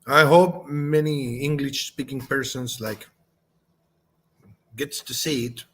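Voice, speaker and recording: Speaking English haltingly, with plenty of fillers and false starts, a Chilean man who hosts a channel answers in a Chilean Spanish accent; Spanish is his native language. He holds a medium pitch, a steady tone and a fairly bright sound.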